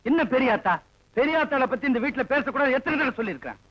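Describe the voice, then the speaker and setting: A shrewd village healer. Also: male voice, extremely high pitch, expressive, quick pace, dry recording. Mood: commanding. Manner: chanting, teasing, commanding. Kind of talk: film acting. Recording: dull lo-fi film audio.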